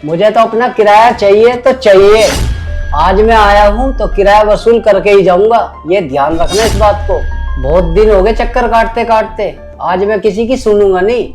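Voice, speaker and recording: An actor playing a pushy, lecherous landlord who loudly demands his overdue rent. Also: moderate pace, soft background music, natural voice. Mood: bullying. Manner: loud, bullying, later sly and low. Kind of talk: low-budget comedy film acting.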